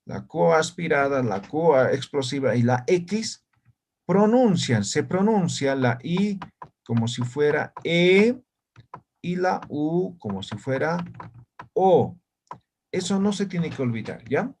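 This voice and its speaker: A man's voice: fairly high pitch, big pitch swings, slow, darkish tone, a little hiss or hum. A man teaching an online language lesson, explaining step by step and often checking understanding with short tag questions.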